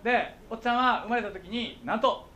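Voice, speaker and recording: Speaking quickly in a high, sharp voice over slight background noise, this middle-aged Kansai man jokes around with schoolchildren. He's a guest speaker on visual impairment who keeps checking that the kids are keeping up.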